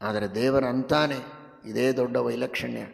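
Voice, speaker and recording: A man with a North Karnataka Kannada accent giving a devotional sermon, chanting Sanskrit verses slowly and moving between loud emphatic stresses and quiet asides. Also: mid-range voice, fairly even intonation, vocal fry. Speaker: religious teacher giving a discourse. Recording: long hall reverb.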